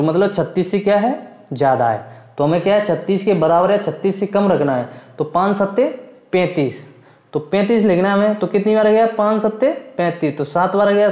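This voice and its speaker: A man teaching division to young children. He keeps calling out to them, asks and answers his own questions, and chants multiplication tables slowly. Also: sits high, darkish tone, roomy sound. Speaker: math teacher. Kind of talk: classroom lesson for children.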